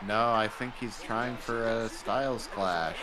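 A man's voice: mid-range voice, a little slow. A man doing wrestling commentary on a match, explaining the moves and calling the counts. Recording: crowd noise behind the voice.

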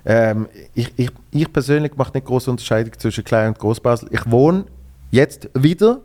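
A man with a Basel Swiss German accent, hosting a podcast and chatting in a relaxed, easy way. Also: mid-range voice, moderate pace. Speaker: podcast host. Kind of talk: casual chat.

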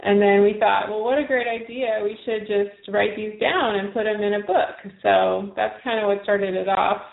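A woman's voice: medium pitch, steady tone, moderate pace, vocal fry. A woman guest on a radio interview, casually telling her personal story. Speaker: guest author. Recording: roomy, tinny phone-like call.

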